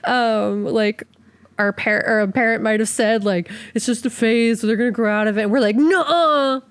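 A young woman co-hosting a podcast in relaxed, agreeable casual chat. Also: mid-range voice, normal speed, no echo. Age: young adult. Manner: relaxed, agreeable, brief affirmations. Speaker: podcast co-host.

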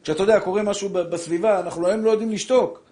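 Older preacher man, fiery and direct. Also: high voice. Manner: animated preaching, addresses listeners as brothers. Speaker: rabbi giving a Torah class. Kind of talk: sermon.

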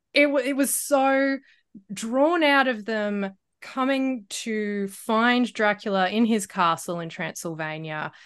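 A woman co-hosting a casual book podcast, chatty and quick to laugh, with hesitant fillers. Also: on the high side, fairly bright tone, clean tone. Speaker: podcast co-host.

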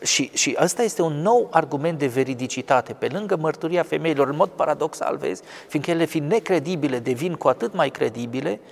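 A man explaining a scripture passage in conversation, scholarly and digressive, often pausing with fillers. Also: on the high side, lively intonation, creaky, long reverb tail. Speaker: theologian commenting on scripture.

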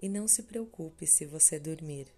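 Short phrases separated by long pauses mark this scripted guided meditation, led soothingly and with measure by a Brazilian-accented woman. Her voice is deep and mellow, and music plays in the background.

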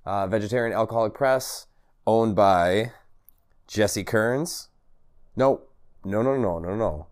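A man with a low-pitched voice talks alone as the host of a podcast filmed for video. His delivery is halting and rambling, as he circles back, repeats phrases and corrects himself. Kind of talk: solo vlog talk to camera, also a podcast. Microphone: recorded on camera for video and podcast.

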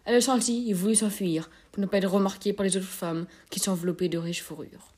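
Brief: female narrator, measured and expressive, classic short story reading. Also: medium pitch, slightly rough.

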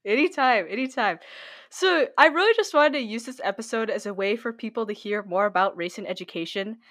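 A woman's voice: a little high, a little fast, a bit bright. A young woman hosting an interview podcast, earnestly introducing the show and asking her guest questions. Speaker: podcast host.

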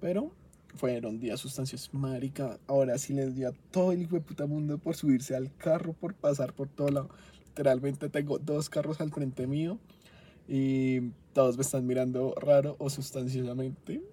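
A man's voice: mid-range voice, steady tone, mellow, a little hiss or hum. A young man with a Colombian Bogotá accent, telling restaurant stories in a casual, profane rant and flaring up with exasperation, recorded inside a car. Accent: Colombian Spanish, Bogotá. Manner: profane, exasperated, quick to flare up. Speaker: podcast host.

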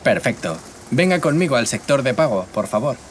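A man plays a polite shop salesman in a scripted learner dialogue. His formal sales talk rises and falls in lively swings. A faint background noise runs under his voice. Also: medium pitch, fairly quick, natural voice. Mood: courteous.

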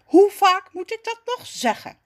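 A woman's voice: high-pitched, huge pitch swings, unhurried, fairly bright tone, pitched above the performer's own voice, exaggerated voice. A woman voicing a self-important, easily offended male cousin in a children's story, speaking in a haughty, huffy way. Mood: pompous.

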